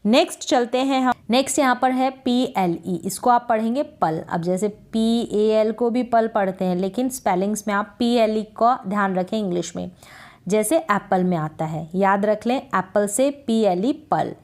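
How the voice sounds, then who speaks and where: A woman's voice: medium pitch, normal speed, darkish tone. A woman teaching English spelling, sounding out words letter by letter and repeating them for learners. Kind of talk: spelling lesson.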